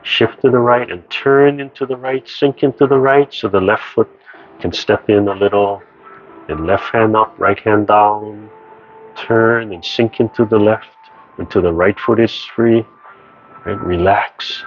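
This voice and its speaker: A man teaching tai chi, giving serene, measured step-by-step movement cues in short phrases. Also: on the low side, steady tone. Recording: dull, muffled audio with background noise.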